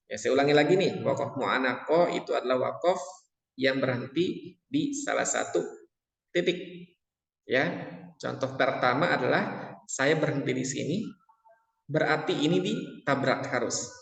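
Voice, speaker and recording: A man teaching tajwid in a patient lesson, repeating each point and chanting the verses slowly. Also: mid-range voice, vocal fry. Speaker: Quran recitation teacher. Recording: echoey room with long reverb.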